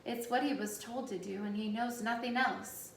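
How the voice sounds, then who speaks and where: A calm, firm old man with a measured, weary way of speaking, as a woman reads him in a storybook. His voice sits a little high and comes from a distance in an echoey room. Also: a little hiss or hum, natural voice. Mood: grave. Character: wise weary old man, keeper of memories.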